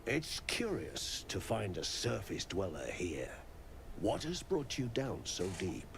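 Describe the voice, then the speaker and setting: A calm and courteous Underdark healer, with a low, gravelly tone. His measured speech rises and falls in a lively way. He comes from game audio with loud ambient sound behind him. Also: soft background music, exaggerated voice. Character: gentle scholarly male Underdark healer.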